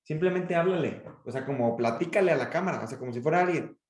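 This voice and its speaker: Mexican coach in an echoey room. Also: male voice, quick pace. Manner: expressive, demonstrates pitch and emphasis. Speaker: speaking coach. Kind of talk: coaching in a podcast interview.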